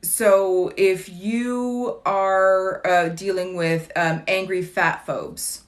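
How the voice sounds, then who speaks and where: A woman's voice: on the low side, fairly even intonation, very slow. A woman in her late thirties chatting casually on a livestream, wry and digressive with dry jokes, answering viewer questions between fillers and restarts. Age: late 30s.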